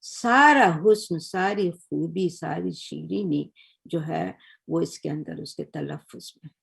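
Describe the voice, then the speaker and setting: An older woman giving a lecture on Urdu, explaining patiently and measured, often checking in with her listeners. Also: fairly low pitch, creaky, slightly rough. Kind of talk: recorded lecture.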